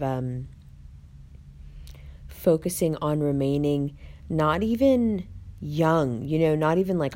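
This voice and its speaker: Casting: female vlogger, mellow and unhurried, rolled R's, opinionated casual chat straight to viewers. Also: low-pitched. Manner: rolls her R's. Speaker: online video host.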